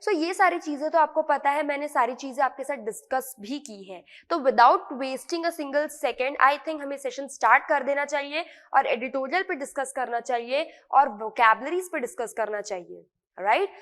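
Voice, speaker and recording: Indian lady teacher, pretty high voice, explains words and keeps asking "right? clear?", some long room echo. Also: moderate pace, fairly bright tone. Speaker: English vocabulary teacher. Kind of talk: online lesson explaining words.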